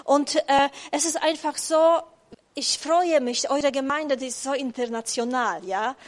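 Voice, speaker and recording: Guest preacher, woman, high voice, not born in Germany; chatty sermon with audience check-ins and restarts. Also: measured pace. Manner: conversational, asks the audience "ja?" often; frequent restarts and fillers.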